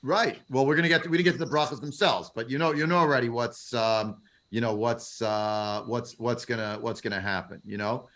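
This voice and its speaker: A man's voice: medium pitch, fairly quick, a bit bright. A man teaching a Bible class over a video call, digressive, full of fillers and rhetorical questions. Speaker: Torah teacher.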